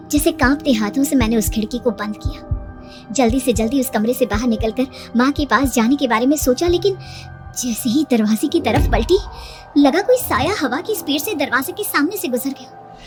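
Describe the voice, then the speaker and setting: A woman's voice: sits high, expressive, moderate pace. A woman telling a scripted horror story in the first person, with dramatic, suspenseful delivery over faint music.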